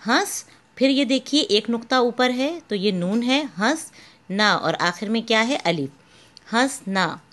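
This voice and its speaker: A woman school teacher giving a patient lesson, spelling out letters one by one and calling her pupils "beta". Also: fairly high pitch. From Pakistan. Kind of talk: slow, patient classroom instruction.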